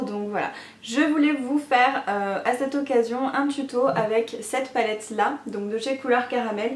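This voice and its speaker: A woman talking through a makeup tutorial in a chatty way, with many fillers. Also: fairly high pitch. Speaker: beauty YouTuber. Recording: echoey room.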